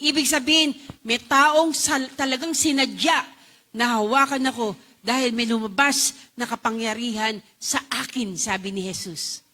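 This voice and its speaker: A woman preaching a sermon. Her voice sits high and rings bright and forceful, and she keeps turning to the congregation to ask for their agreement. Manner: animated, calls out to the congregation for assent.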